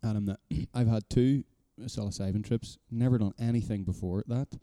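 A man's voice: lowish voice, steady tone, normal speed, warm tone, dry recording. A man in casual podcast chat, rambling and self-deprecating, swearing now and then.

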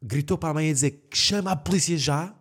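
On a podcast, a man with a European Portuguese accent casually tells creepy stories, shouting out the characters' voices and laughing often. His voice is fairly high and slightly rough, and he talks fast in an animated way.

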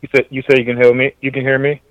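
A man calling in to a casual chat over a muffled remote line that breaks up, talking in a halting way and searching for words. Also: mid-range voice, flat delivery, no room sound. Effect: muffled remote call line, audio breaking up. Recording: dull lo-fi dry call audio.

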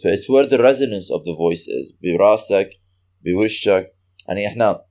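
A man with a Levantine Arabic accent explains casually, switching between Arabic and English mid-sentence. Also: on the low side. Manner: animated explainer, hesitant repeated words. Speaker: guest who takes singing lessons.

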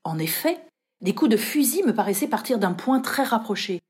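A woman narrates an audiobook with a lively, expressive delivery. Her voice sits a little high. Her pitch ranges widely across each sentence. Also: moderate pace, slightly rough. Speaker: reader.

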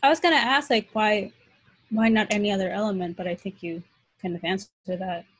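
A woman's voice: medium pitch, steady tone, a little fast, no room sound. A woman from Colombia, a graduate student hosting a podcast interview, speaking in a chatty, candid way. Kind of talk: casual interview conversation.

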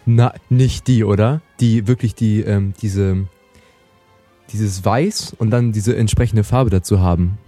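Excitable young guy chatting on a podcast, lots of ums, low dark voice. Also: measured pace, soft background music. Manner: excitable, gushing, many fillers and restarts. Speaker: podcast host. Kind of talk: casual chat.

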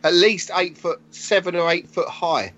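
A man in his forties talks in a loose, animated way, swearing casually as he tells stories. It is a relaxed podcast chat. The audio is somewhat dull and lo-fi. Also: sits high, measured pace. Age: 40s. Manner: animated storytelling, swears freely. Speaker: podcast guest, graffiti artist.

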